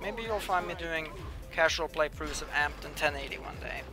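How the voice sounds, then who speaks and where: Music plays clearly in the background as a young male game streamer gives casual live commentary and reads his chat, speaking at a normal speed. His slightly high voice is somewhat whiny, which he admits himself, and he chats freely while slipping into quiet mumbled asides during play.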